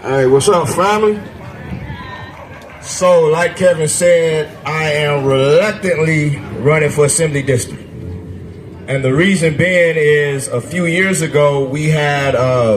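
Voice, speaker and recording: A man running for office giving a conversational, forceful stump speech to a crowd at an outdoor festival. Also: on the high side, rough recording. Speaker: candidate for state assembly. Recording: music playing behind the speaker.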